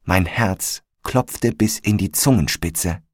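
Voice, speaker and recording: A man narrating a story in a calm, measured audiobook style. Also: deep voice, no echo, clean studio sound.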